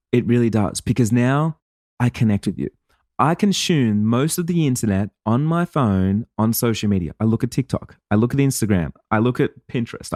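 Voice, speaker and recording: A man's voice: mid-range voice, a little mellow, no room sound, clean studio sound. A man hosting a solo podcast as a business coach, talking in a punchy, emphatic, casual way with some swearing. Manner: acts out listeners' and clients' voices.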